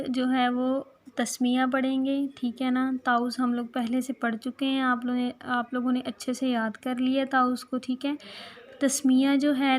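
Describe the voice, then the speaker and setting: Soft-spoken woman teaching small children. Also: high-pitched. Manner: slow, coaxing, repeats words and asks little questions. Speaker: playgroup teacher. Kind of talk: recorded online class for small children.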